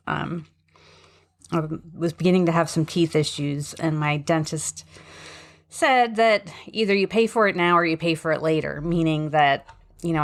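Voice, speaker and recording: A middle-aged American woman chatting casually as a podcast host, rambling and hesitant, with a slight lisp from braces. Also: low voice. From suburban Philadelphia, US. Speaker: podcast host, special education advocate. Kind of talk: casual solo podcast talk.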